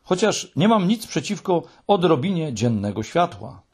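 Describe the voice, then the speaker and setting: A man's voice: on the high side, sing-song, moderate pace, breathy edge, voice pushed up, heavily acted. A man reading aloud and voicing a small, curt, scoffing girl creature. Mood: sceptical. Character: small, sharp-tongued, dismissive girl creature.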